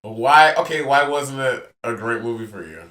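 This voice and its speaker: A man from Cameroon co-hosting a podcast in casual chat, blunt, quick to challenge and profane. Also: medium pitch, expressive, a bit bright. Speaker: podcast co-host. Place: home in New York, remote call. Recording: echoey room, off mic.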